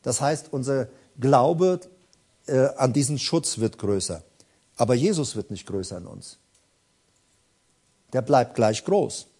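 A man preaching a sermon with fervor, repeating phrases for emphasis and swinging from quiet, intimate words to loud cries while addressing his congregation directly. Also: medium pitch, lively intonation, takes it slowly, long pauses, slightly rough.

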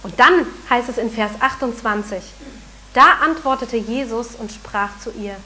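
A woman preaching a sermon in an earnest, animated way, sometimes acting out the voices she quotes. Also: a little high, a little slow, a little hiss or hum, poor audio.

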